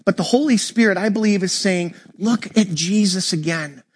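A man's voice: high voice, moderate pace, husky. A man, a pastor, preaching a heartfelt Christmas sermon and speaking straight to his congregation. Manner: earnest, heartfelt, directly addressing the congregation.

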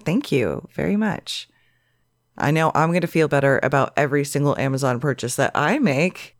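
Woman podcast host, sick, lowish voice, dry close sound, chatty, relaxed. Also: clean tone, no room sound. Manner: chatty, relaxed, talks straight to listeners. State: sick, voice lower than usual. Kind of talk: casual solo podcast chat.

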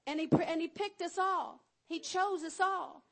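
A woman preaching an energetic sermon, calling out to the congregation and acting out the Bible figures in a folksy way. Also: very high-pitched, a little slow, vocal fry.

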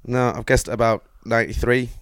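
A man's voice: mid-range voice, level tone, fairly quick, a bit bright, clear, resonant tone, no echo. A man, co-hosting a casual podcast chat and reading through his notes with lots of fillers. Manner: rambling, reads notes aloud with fillers. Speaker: podcast co-host.

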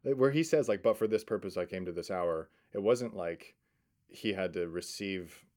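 A man's voice: sits low, normal speed, a little mellow. A man co-hosting a Bible podcast, responding with enthusiasm and often adding short affirming sounds while the other host talks. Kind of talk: casual Bible study chat.

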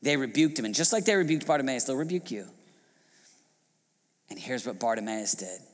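A male pastor preaching a sermon, swinging from hushed passages to loud, shouting outbursts. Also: medium pitch, animated, a little fast, in a large hall. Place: church hall.

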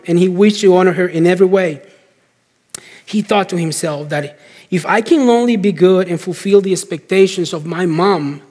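A man telling a story as a preacher in a sermon, in measured short phrases with deliberate pauses. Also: sits high, darkish tone. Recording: long hall reverb.

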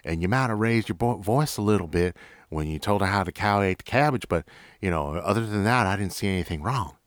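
A man imitating an old, country male patrol sergeant from Texas in his sixties, with a slow, hedging Texan drawl. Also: on the low side, animated, no echo, studio quality, close to an everyday voice. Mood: reassuring. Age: 60s.

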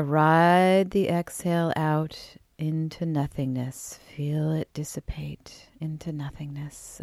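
A woman yoga teacher guiding a relaxation meditation, soft and soothing, often trailing into a breathy near-whisper, with drawn-out phrases. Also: sits low, no echo, studio quality. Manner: unhurried, with drawn-out phrases and pauses.

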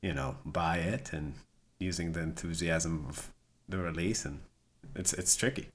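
A middle-aged man from Israel, a musician being interviewed, talking casually with halting restarts. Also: deep voice, slight background noise. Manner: halting, many restarts and fillers. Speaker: musician guest.

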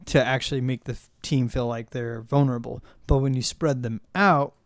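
A man's voice: medium pitch, steady tone, normal speed, dry recording, studio quality. A man talking eagerly and at length about a film on a casual podcast. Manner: enthusiastic, rambling. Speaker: podcast host. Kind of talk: casual chat.

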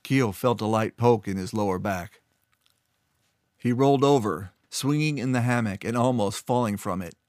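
A man with a lowish voice narrating a fantasy story in a steady, measured way. The recording is dry and close, with no room sound. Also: dry recording.

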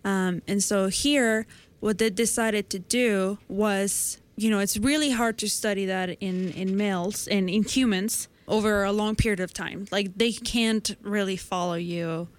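A woman's voice: medium pitch, steady tone, a little slow, clean tone. Twenty-something woman explaining science casually. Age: 20s. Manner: explains a study step by step in a conversational way. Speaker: podcast co-host presenting science news.

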